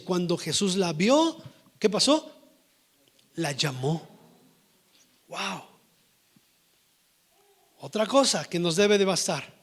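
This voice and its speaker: A man preaching a sermon to a congregation, often checking in with a quick "¿sí?" and moving between emphatic lines and hushed asides. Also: sits high, gravelly. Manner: keeps asking the congregation "¿sí?" for agreement.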